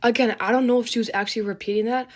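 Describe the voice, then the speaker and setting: A woman's voice: on the high side, fairly even intonation, rapid-fire. A woman telling a casual storytime in a chatty, rambling way with lots of fillers.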